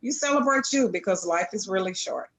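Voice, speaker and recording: A woman's voice: mid-range voice, animated, brisk. A woman in her late forties chatting with friends, earnest and reflective. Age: 40s. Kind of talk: casual chat among friends.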